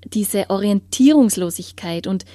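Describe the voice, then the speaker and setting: A woman giving an earnest personal testimony in an interview, often sinking into a hushed whisper as she searches for words. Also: mid-range voice, expressive, a little slow, dry recording.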